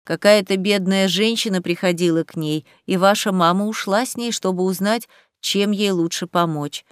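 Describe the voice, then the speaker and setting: A woman's voice: medium pitch, normal speed, clear, resonant tone, no room sound, clean studio sound, lightly acted. A woman reading aloud, voicing a loyal old housekeeper who talks plainly and emphatically. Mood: admiring.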